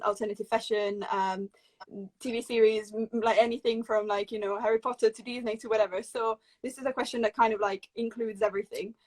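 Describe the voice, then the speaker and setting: A woman's voice: on the high side, rough recording. Upbeat young woman interviewer. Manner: upbeat, laughs often, filler-heavy. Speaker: interviewer host. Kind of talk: casual interview chat. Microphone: video call.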